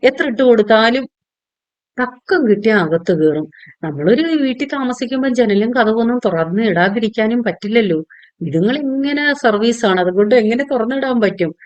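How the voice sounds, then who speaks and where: A woman's voice: fairly high pitch, animated, normal speed, dry recording, highs cut off. A woman vlogger who makes pickles at home, narrating in a chatty, homely way and often tagging a friendly word onto the end of her sentences. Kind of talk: chatty voice-over vlog narration.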